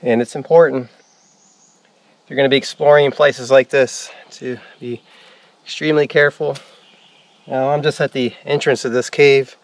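A man narrates his own hiking vlog from outdoors in a forest. He speaks in a calm, steady, careful way, and his voice sits at a middle pitch. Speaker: hiking vlogger.

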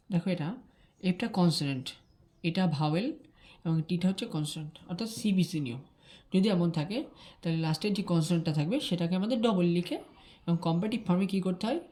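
A woman races through a grammar lesson in a mellow, dark-toned voice. She repeats key terms and keeps checking that her students follow. Her voice sits a little low. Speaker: English grammar teacher. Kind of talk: explaining grammar rules to students.

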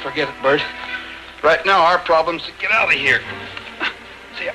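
An actor playing a steady, resourceful western hero in a 1940s film, plain-spoken and reassuring. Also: male voice, fairly high pitch, normal speed, lightly acted, rough recording. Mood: calm, determined. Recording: old 1940s film soundtrack with music.

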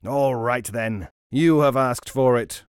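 A man voicing a murderous, menacing robber who threatens and counts slowly. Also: on the low side, animated, darkish tone, no echo, clean studio sound.

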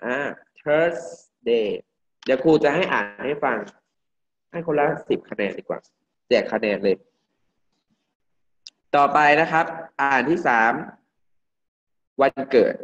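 A male English teacher from Thailand giving a classroom pronunciation lesson, drilling words slowly and repeating each one for the class. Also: mid-range voice, expressive, a bit bright. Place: classroom with students. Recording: dull lo-fi classroom recording.

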